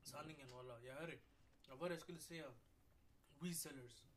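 This young man co-hosts a casual podcast and tells long stories with street slang, curses and acted-out bits of dialogue. His voice sits somewhat high for a man. There is faint ambient noise behind him. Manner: animated storyteller, mixes street slang and swearing. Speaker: podcast co-host. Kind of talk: casual chat. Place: podcast recording room.

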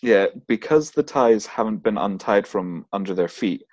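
A man's voice: fairly low pitch, expressive, moderate pace, darkish tone, no room sound, muffled recording. A man co-hosting a podcast, telling a story in casual chat and laughing often as he talks. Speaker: podcast co-host.

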